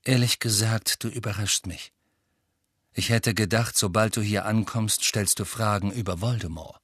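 A man reading a calm, defiant wizard. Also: lowish voice, moderate pace, husky, dry recording, studio quality. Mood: easy. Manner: calm, steady.

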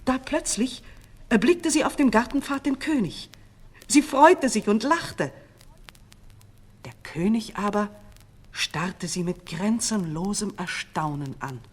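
A woman narrating a fairy tale in an expressive, dramatic storytelling manner. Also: mid-range voice, takes it slowly, long pauses, slightly rough.

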